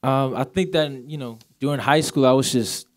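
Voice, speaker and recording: During a casual interview, a Swedish singer guest in his twenties talks in an easygoing way, peppering his speech with "you know" and a light accent from his native Swedish. He speaks at medium pitch and normal speed.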